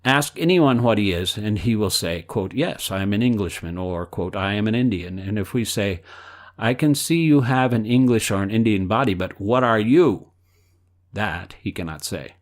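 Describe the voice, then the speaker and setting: A man reading aloud the answers of an elderly male spiritual teacher, in a measured way that speaks the quote marks aloud. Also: fairly low pitch, expressive, lightly acted. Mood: explaining.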